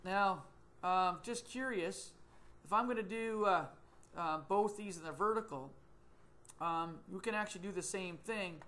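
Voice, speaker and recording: Bright and forceful in tone, a middle-aged man with a fairly high voice tutors viewers through a 3D modeling task in a screen recording, musing aloud, filling gaps with ums and revising himself on the spot. He's recorded on a desktop computer mic inside a small room, webcam visible in one corner of the screen.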